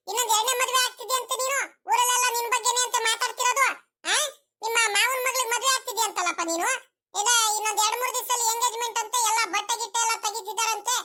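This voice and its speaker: A woman's voice: extremely high pitch, bright, forceful tone. A woman voicing an angry village father-in-law. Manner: scolding, accusing. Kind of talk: village comedy cartoon voice acting.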